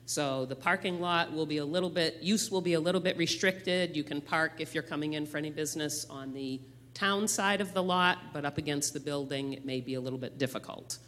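A man's voice: a little high, a little fast, hardly any pauses, fairly bright tone. A man speaking as a church elder, addressing the congregation with announcements and public prayer. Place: church sanctuary. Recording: long hall reverb.

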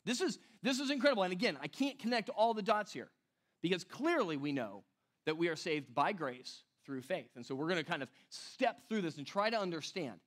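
Here a middle-aged pastor speaks briskly in a high, somewhat bright voice with lively intonation. His conversational teaching sermon breaks off often to pose questions to the congregation, and a faint whistle colors his s sounds.

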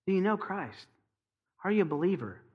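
A man with a high, light voice delivers a sermon from the pulpit. He leans hard on key phrases and slows down to stress them. His rhetorical questions press straight at the listener. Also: sing-song, husky, muffled recording. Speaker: pastor.

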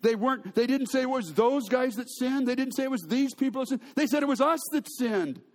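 A man's voice: very high voice, a little fast. A man preaching a sermon, telling stories with humor and often restarting his sentences. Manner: storytelling with humor and frequent restarts. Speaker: pastor.

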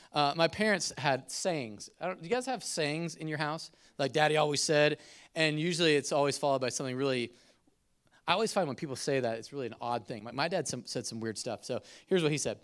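A middle-aged man preaching a conversational sermon, telling stories with laughs and swings from loud to soft. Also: fairly high pitch. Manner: conversational, animated storytelling with laughs. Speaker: pastor.

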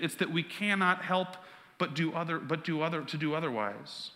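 A man's voice: high voice, sharp tone, in a large hall. A man preaching a sermon as pastor, earnest and conversational, weaving a personal story into his teaching.

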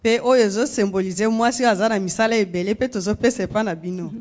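Fast-talking woman from Congo. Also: medium pitch, a little mellow, muffled recording. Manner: measured, pausing for interpreter. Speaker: guest speaker. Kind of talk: speaking in phrases for interpretation. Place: church sanctuary.

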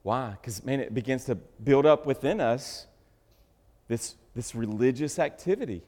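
A man preaching a sermon, joking with the congregation and swinging from loud bursts to hushed asides. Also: medium pitch, animated, a little slow. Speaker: pastor. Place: church sanctuary. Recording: reverberant hall.

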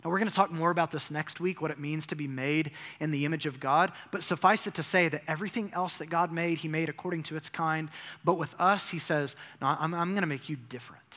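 A man preaching a sermon as pastor, emphatic and animated, asking the crowd questions and repeating key lines. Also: on the high side, a little fast. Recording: long reverb of a large hall.

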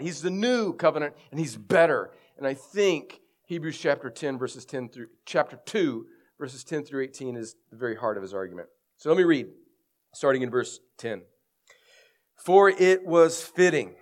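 Scripture is read with emphasis and then explained by a middle-aged man preaching earnestly. His voice is a little high, and a head cold leaves his throat scratchy.

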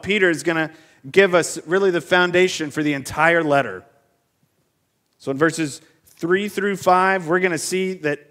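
A man's voice: fairly high pitch, a bit bright, big-room sound. A man preaching an expository sermon at a pulpit microphone in a church, speaking earnestly and asking the congregation many rhetorical questions.

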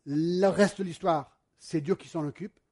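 A man delivers a sermon from home. His voice is high and a little husky. He shifts into lively storytelling and talks directly to his listeners. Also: measured pace. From United States. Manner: animated storytelling, addresses the congregation directly. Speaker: pastor.

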